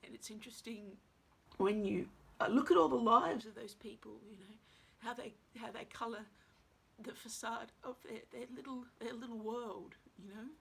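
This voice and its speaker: A woman actress talking to camera at home in a halting, musing way, full of fillers. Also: a little high, creaky, fairly bright tone, slightly rough. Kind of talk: reflective casual monologue.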